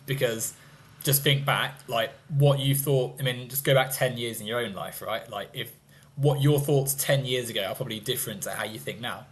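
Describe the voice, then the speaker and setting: A man's voice: medium pitch, moderate pace, a bit bright. A man in his twenties in a casual debate, talking in a rambling, hedging way with frequent laughs. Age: 20s. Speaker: guest.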